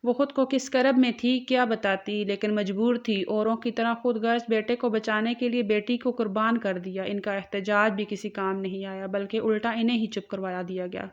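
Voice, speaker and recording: A woman narrates a romance novel in a steady, scripted storytelling manner. Her voice sits in a middle pitch, and the recording is slightly dull and lo-fi. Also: few pauses. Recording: muffled lo-fi recording.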